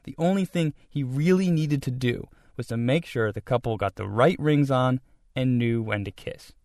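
A male reporter reads a radio news feature in a measured, storytelling way. His voice sits in a middle register, and the studio sound is dry and close with no room echo. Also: mid-range voice, a little mellow. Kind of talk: scripted news narration.

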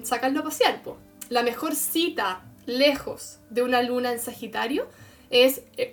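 High-voiced Chilean woman astrologer. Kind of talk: casual live-stream talk.

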